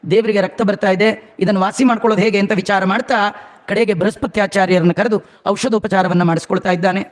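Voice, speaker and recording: A man delivers a devotional sermon in the manner of a storyteller. His voice sits very high for a man, and he keeps the telling lively with rhetorical questions to his listeners. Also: fast talker. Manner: animated, asks the audience rhetorical questions. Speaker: religious discourse speaker.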